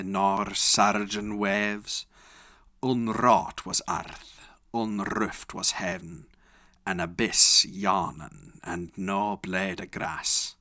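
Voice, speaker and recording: A man solemnly and dramatically reciting epic verse in a reconstructed Elizabethan English accent, with measured, declamatory delivery. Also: deep voice, sharp tone, no echo, studio quality. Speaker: poetry reciter.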